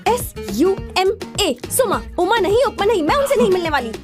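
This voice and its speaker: A fiery young medical student with a high, animated voice. She insists and protests in dubbed film dialogue over faint music. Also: normal speed. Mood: insistent. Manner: insistent, indignant. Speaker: film character.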